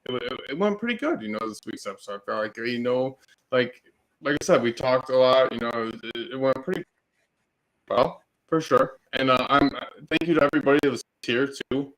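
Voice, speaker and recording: A man's voice: mid-range voice, brisk, a bit bright, poor audio. A man co-hosting a podcast remotely, speaking in a laid-back, slangy way and saying "dude" and "you know" a lot. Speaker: podcast co-host. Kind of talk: casual chat over a call.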